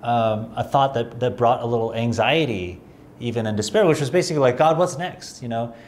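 Man, preacher, sermon, mid-pitched voice, animated emphasis, self-deprecating humor, conversational. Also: fairly quick, a little hiss or hum.

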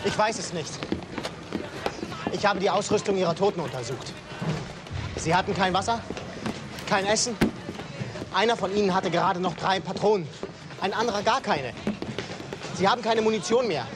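An actor playing a German officer in a war film, giving a formal, factual report to a superior. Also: male voice, high-pitched, a little slow, long pauses, over music. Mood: puzzled, sober.

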